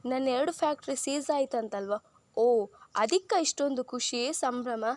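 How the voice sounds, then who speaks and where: A woman's voice: sits high, normal speed, no room sound, close to an everyday voice. A woman playing a taunting, arrogant businessman. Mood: defiant. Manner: mocking, contemptuous. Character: arrogant defiant young businessman, taunting rival.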